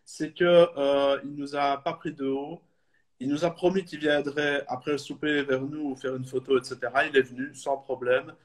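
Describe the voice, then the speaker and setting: This Belgian supporters club guest, in his thirties, chats casually on a video call interview. His mid-range voice keeps a level tone at normal speed, though he often hesitates, uses fillers and starts over.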